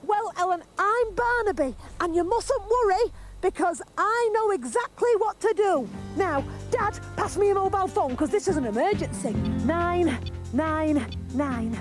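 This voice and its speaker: A woman's voice: very high-pitched, expressive, unhurried. A woman voicing an eager, caring young male teddy bear in an earnest, childlike way for a children's educational drama. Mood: reassuring, earnest. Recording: music behind the voice.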